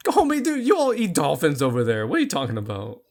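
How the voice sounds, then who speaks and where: A man's voice: mid-range voice, wildly swooping pitch, fast. A young man co-hosting a podcast, chatting casually and telling rambling jokey stories full of restarts. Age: young adult. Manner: rambling, joking storyteller with many restarts. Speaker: podcast co-host. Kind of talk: casual chat.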